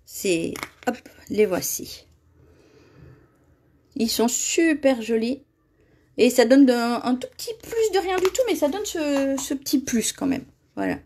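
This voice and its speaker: High-voiced chatty woman crafter. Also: wildly swooping pitch, measured pace, long pauses, a little mellow. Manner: chatty, laughs often, reads viewer comments aloud. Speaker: crafting demonstrator. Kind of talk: live craft tutorial.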